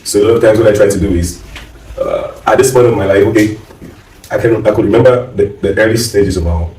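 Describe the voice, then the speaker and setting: A man with a Nigerian accent speaking conversationally on a panel, halting and repeating phrases for emphasis. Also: fairly low pitch, a little mellow. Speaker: panel guest, music minister. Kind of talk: conversational testimony and advice. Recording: echoey room, distant microphone.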